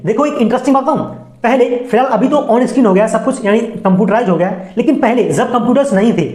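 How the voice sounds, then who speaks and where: A fast-talking woman with a higher voice and darkish tone narrates an explainer video in an Indian accent. Her informal educational voice-over is chatty and colloquial, speaking directly to viewers with playful asides, and it echoes in a roomy space.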